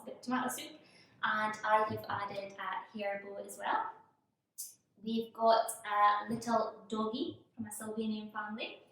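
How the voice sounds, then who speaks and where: Female children's show presenter, encouraging and chatty with young viewers; fairly high voice recorded from a distance in a very reverberant room. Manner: encouraging kids-show host delivery with questions to viewers. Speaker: children's church show host. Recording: very echoey room, distant microphone.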